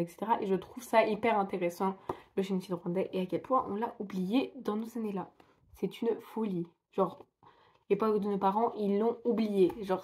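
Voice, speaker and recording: A young woman book vlogger chats casually, rambling and poking fun at herself with lots of fillers. Her voice is medium-pitched and a little mellow.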